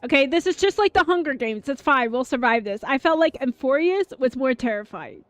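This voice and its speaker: A woman streamer chats loosely while playing, full of fillers and asides to her viewers. Her voice sits fairly high. Her talk stays casual and unscripted throughout. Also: lively intonation, fairly quick, no echo, faint music behind. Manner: chatty and rambling, filler-heavy, reacting to chat. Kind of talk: casual gaming livestream chat.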